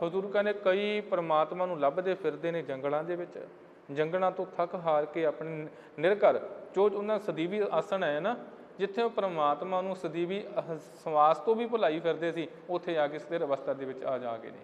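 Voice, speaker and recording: Brief: male preacher, high voice, chants scripture lines slowly, long hall echo. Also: lo-fi sound, slight background noise. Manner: addresses listeners as dear ones of the Guru. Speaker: Sikh preacher giving katha. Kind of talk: sermon explaining scripture lines.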